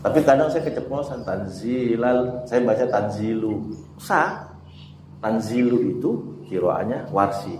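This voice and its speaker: A man's voice: lowish voice, expressive, a little slow, background noise. A man teaching a Quran lesson in an informal classroom way, chatty and often laughing as he answers students. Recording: echoey room with faint ambience.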